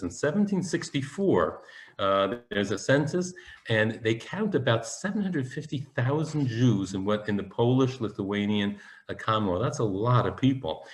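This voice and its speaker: A man giving an explanatory history lecture over slides, often restarting his sentences and filling pauses. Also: on the low side. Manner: explanatory, many fillers and restarts. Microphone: webinar presentation.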